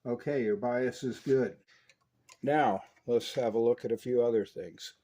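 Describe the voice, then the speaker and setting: Showing off a restoration, this radio repair technician takes a customer through a hands-on demonstration one step at a time. He narrates methodically at a measured pace, his mid-range voice warm.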